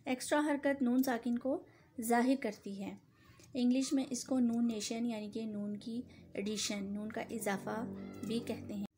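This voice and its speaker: A woman teaching Quran recitation rules with a sore throat, patient and repetitive, stretching out example words slowly. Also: a little high, fairly even intonation, warm tone, slight background noise. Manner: patient, repeats points, slows down for drawn-out example words. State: sore throat, clearing it often. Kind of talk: tajweed lesson.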